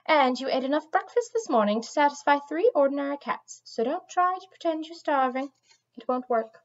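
Morwen: a calm, wry witch, read by a woman, lively pitch, storybook voice, dull lo-fi sound. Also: a little fast.

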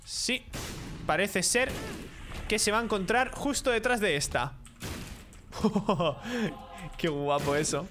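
A man giving playful, theatrical gameplay commentary and talking to the characters in the game. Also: sits high. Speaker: gaming YouTuber.

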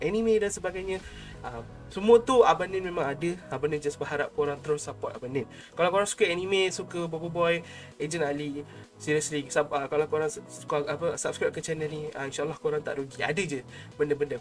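A young Malaysian man with a slightly high voice hosts a casual vlog. He speaks informally and chattily to his viewers, close to the mic in a home room, with music playing behind him. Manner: informal, chatty, addresses viewers as an older brother. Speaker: YouTube channel host. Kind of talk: casual vlog talk to subscribers. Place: small home room, indoors. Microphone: close desk microphone. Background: background music.

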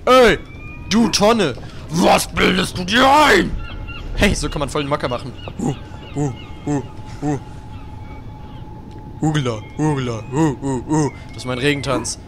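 A man's voice: a little high, normal speed, long pauses, noisy background. A young man commenting on a video game he is playing, crude and jokey, trash-talking the characters on screen. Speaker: let's play gamer.

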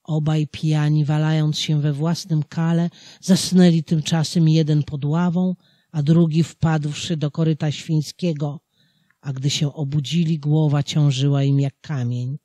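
A narrator reads an old folk tale aloud at a slow, deliberate pace, with an expressive delivery and a breathy voice. The pitch moves animatedly and the sound is close and dry. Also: no echo. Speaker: audiobook reader.

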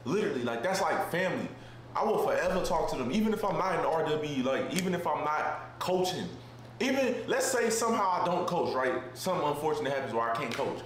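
A man's voice: on the high side, sing-song, fast talker, a bit bright. A man in his twenties chatting casually in a living room, laid back and full of slang, saying "bro" at the end of lines. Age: 20s. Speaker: basketball player. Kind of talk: casual vlog chat. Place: living room with kitchen behind. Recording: very echoey room, faint hiss.

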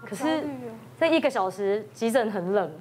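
A woman's voice: mid-range voice, lively intonation, over loud music. A woman doctor on a TV talk show, telling an anecdote and acting out the quoted lines of a worried mother. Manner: retells dialogue, quickly switching into quoted voices. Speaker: emergency room doctor.

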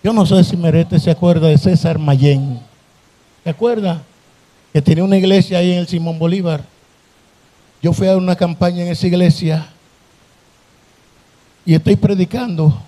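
A man, an evangelist preaching a Pentecostal sermon at a church convention, impassioned and building to shouted crescendos. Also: sits high, fairly even intonation, moderate pace, long pauses.

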